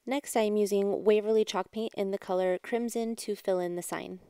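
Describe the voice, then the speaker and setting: A woman's voice: mid-range voice, steady tone, moderate pace, smooth, dry recording, studio quality, soft background music. A woman hosting a craft channel, chatting through a DIY tutorial in a voice-over recorded at home. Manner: chatty, explaining step by step; quiet, subdued delivery. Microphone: home voice-over mic.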